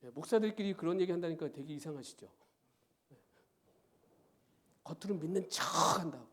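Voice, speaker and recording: Middle-aged pastor guy preaching in a church, voice sits high and swings all over, keeps throwing questions at the crowd. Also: fairly quick. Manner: animated preaching, rhetorical questions to the congregation. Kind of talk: sermon. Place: church sanctuary.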